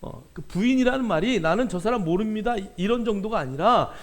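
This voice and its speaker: A male pastor preaching a sermon in a conversational way, with frequent filler sounds and slowed, stretched words for emphasis. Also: high voice, lively intonation.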